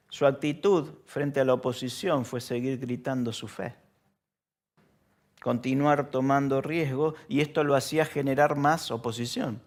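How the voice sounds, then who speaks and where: A pastor with a Rioplatense Spanish accent and a mid-range voice preaches a casual sermon in a church, asking the congregation questions and acting out shouted lines.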